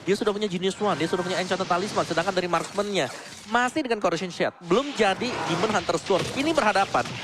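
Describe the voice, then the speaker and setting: A man's voice: sits high, quick pace. A male esports analyst commentator explaining the state of the match. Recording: clear game noise behind voice.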